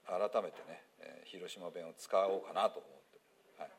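A man's voice: moderate pace, vocal fry, a little hiss or hum. A man from Hiroshima with a Hiroshima accent, a pastor giving a chatty sermon full of fillers. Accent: Hiroshima Japanese. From Hiroshima, Japan. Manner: chatty, many fillers, lively pitch swings. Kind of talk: casual sermon talk with quiz review.

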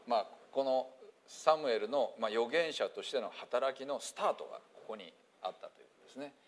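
A man from Hiroshima with a Hiroshima accent, a pastor giving a chatty sermon full of fillers. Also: brisk. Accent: Hiroshima Japanese. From Hiroshima, Japan. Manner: chatty, many fillers, lively pitch swings. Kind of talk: casual sermon talk with quiz review.

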